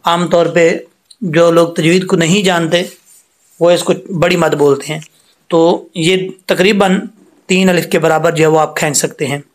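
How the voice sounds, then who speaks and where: A man teaching Quran recitation rules step by step, explaining patiently and reciting each word slowly with drawn-out vowels. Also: on the high side, steady tone. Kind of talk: step-by-step tajweed lesson.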